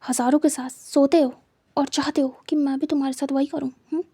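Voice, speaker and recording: A woman's voice: sits high, level tone, a little fast, warm tone, dry recording, studio quality. A woman voicing a stern, proud young man held captive, who answers coldly and with scorn in a retold story. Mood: scornful. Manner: cold, scornful, refusing.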